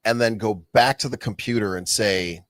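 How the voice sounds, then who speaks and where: A man's voice: fairly low pitch, moderate pace, no room sound, clean studio sound. A man co-hosting a podcast, chatting in a playful, jokey way and acting out other people in his stories. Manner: playful, jokey, animated storyteller who acts out people. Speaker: podcast co-host. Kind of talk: casual chat.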